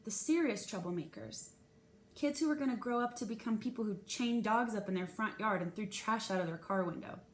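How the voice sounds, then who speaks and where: A woman reads a children's novel aloud as a first-person storyteller, expressively dramatizing the young narrator's feelings. Her mid-range voice is animated and fairly quick, recorded in an echoey room with faint hiss.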